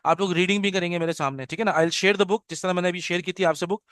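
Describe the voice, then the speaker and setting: A man's voice: sits high, steady tone, fairly bright tone, dry recording, studio quality. A middle-aged man teaching an online class orientation, switching between Urdu and English and checking in with his students often. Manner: mixes English into Urdu, keeps checking with "okay?". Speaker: Arabic teacher. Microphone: video call.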